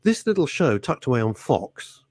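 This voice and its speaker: This man co-hosts a radio talk show and chats casually in the studio, spinning lively, rambling stories broken up by laughter and restarts. His pitch is medium, his speed normal, and the recording sounds dry.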